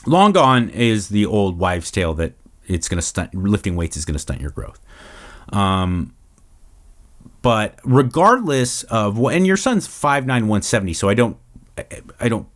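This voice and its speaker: His lowish voice swings widely in pitch and moves a little slowly as he rambles through a casual Q&A monologue. He's a middle-aged podcast host from Los Angeles, profane and prone to frequent restarts.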